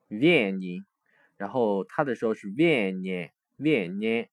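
A man teaching a recorded language lesson, explaining step by step with frequent hesitations and slowly repeating words to spell out forms. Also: fairly low pitch, a bit bright, no echo, clean studio sound.

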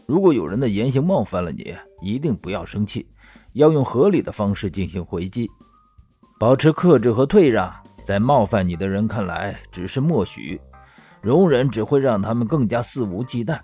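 A man's voice: expressive, measured pace, darkish tone, husky, soft background music, full character voice. A man voicing a cheeky, thick-skinned young joker in an audiobook drama, teasing and mock-solemn. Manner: teasing, mock-solemn, drops to spooky low tones.

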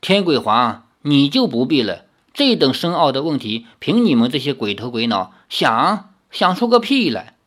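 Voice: medium pitch, big pitch swings, moderate pace, few pauses, fairly bright tone. A reader voicing a pompous old scholar spirit. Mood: lecturing. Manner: pedantic, lecturing. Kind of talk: audiobook reading.

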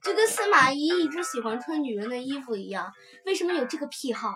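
Young female co-host, very lively high voice, casual interjections, music clearly behind. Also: fast.

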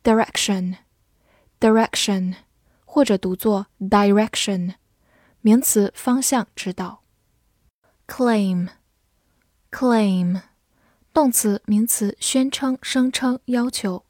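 A woman teacher with a fairly high, mellow voice runs a vocabulary drill at a very slow, deliberate pace. She says each word twice, then lists its meanings calmly, and the sound is close and dry. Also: dry recording. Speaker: English teacher.

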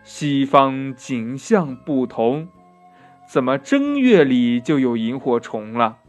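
A man voicing a timid, gentle old monk in a children's storybook reading, speaking softly and low. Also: very animated, slow, faint music behind. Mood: bewildered. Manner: soft, low and trembling.

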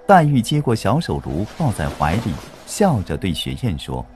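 A man narrating a children's story in an expressive, animated way. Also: fairly low pitch, normal speed, soft background music.

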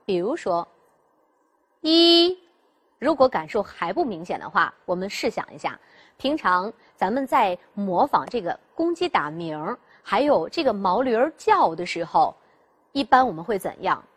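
Speaking at a moderate pace in a sing-song, medium-pitched voice with a breathy edge, this woman gives classroom instruction on pronunciation. She breaks things down step by step, throws rhetorical questions at her students, and demonstrates each sound by saying it.

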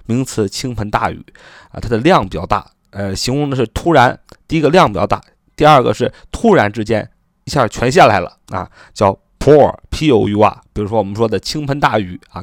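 A man hosting a spoken vocabulary lesson who repeats and spells out words slowly, with chatty fillers. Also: medium pitch, no room sound, studio quality. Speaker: English vocabulary teacher.

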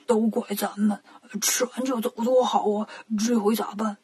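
A woman's voice: on the high side, normal speed, darkish tone, slightly rough, voice pushed down. A woman voicing a greedy, fretful male pig disciple in a children's storybook, grumbling. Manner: worried grumbling.

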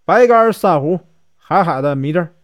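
A cheeky, eccentric wandering monk who toys with everyone around him, put on by a male storyteller. His voice leaps up and down with animated pitch, set a little higher than usual. The sound is close and dry. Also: brisk, no echo, dull audio, lightly acted. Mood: teasing. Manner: mocking, playful back-and-forth. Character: Jigong, scruffy eccentric wandering monk, sly and teasing.

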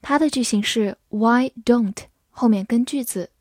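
A woman with a fairly high voice teaching a vocabulary lesson in a dry, close recording. She spells each word out one letter at a time and reads the example sentences slowly and carefully. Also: a little mellow, no room sound. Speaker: English teacher.

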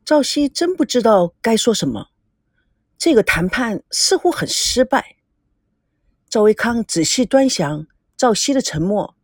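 A woman reads a novel aloud as an audiobook in an expressive manner. Her fairly high voice moves through a wide pitch range. The recording is dry and close. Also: unhurried, dry recording. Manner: expressive, acts out dialogue. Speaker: narrator.

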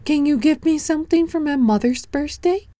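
A woman's voice: warm tone, no echo, close to an everyday voice. A woman doing eager little boy Danny. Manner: high, quick, eager asking.

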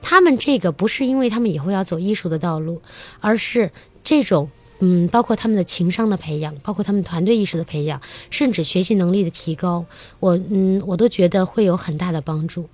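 Appearing as a talk-show guest, a woman who teaches children's musical theatre chats with enthusiasm in a lowish voice that runs a little fast. She is an adult with a young child, and she tells animated stories, acting out bits of conversation as she goes.

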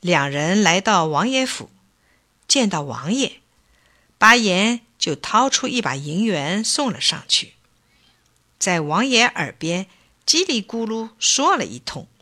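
A woman reading a folk tale aloud in an expressive, unhurried way. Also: mid-range voice. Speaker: storyteller.

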